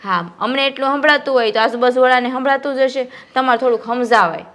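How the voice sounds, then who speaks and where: A woman's voice: sits high, fast, fairly bright tone. A woman acting as a bossy young wife nagging her husband.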